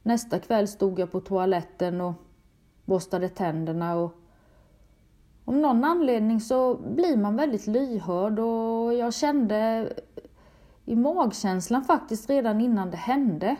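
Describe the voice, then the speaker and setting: Swedish-speaking woman, mellow halting testimony. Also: fairly high pitch. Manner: halting, emotional retelling with repeated words. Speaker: storyteller recounting a personal experience. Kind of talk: personal testimony.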